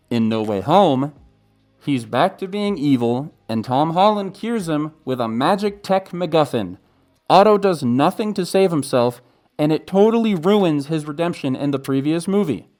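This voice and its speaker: A YouTube video essayist delivers opinionated commentary in a somewhat high, slightly mellow voice that sounds muffled, as if through a mask. He's emphatic and exasperated, tossing in casual asides, recorded on a webcam setup with music in the background.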